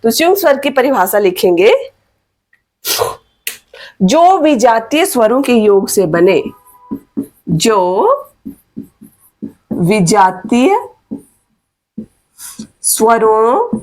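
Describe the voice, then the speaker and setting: A woman teaching an online grammar lesson, slowly repeating definitions so students can write them down. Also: on the high side, big pitch swings, a little mellow, soft background music. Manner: slow, repeats definitions for dictation.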